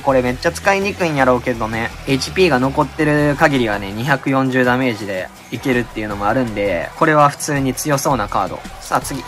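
A man with a Kansai accent chatting casually as he opens card packs, reading out each card and crying out in excitement at good pulls. His voice has been a little out of shape lately. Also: medium pitch. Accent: Kansai Japanese. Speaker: channel host. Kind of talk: casual card-pack opening commentary.

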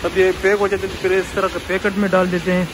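A fast-talking man with a high-pitched, level voice and a Pakistani Urdu accent walks through an indoor workshop with machines, recording a chatty vlog on his handheld phone. He explains the factory's steps one by one, pointing and repeating "you can see," over background noise.

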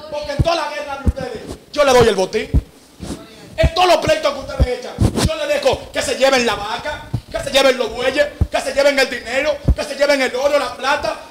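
A man's voice: very high voice, a little fast, echoey room, background noise. A preacher voicing God as a stern, commanding male figure who scolds and lectures in a hard street tone. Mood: indignant.

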